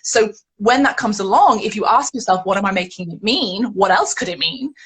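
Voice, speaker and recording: A woman's voice: medium pitch, brisk, fairly bright tone, breathy edge. A woman, a guest in an interview, telling stories animatedly and acting out the reactions she quotes. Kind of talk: podcast interview conversation.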